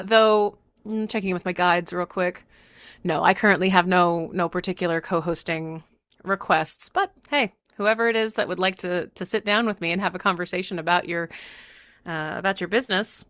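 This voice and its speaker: A woman's voice: on the low side, bright, forceful tone, dry recording, clean studio sound. A woman from Virginia hosting her own spiritual podcast, talking casually in a chatty, rambling way and laughing often. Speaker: podcast host and channeler.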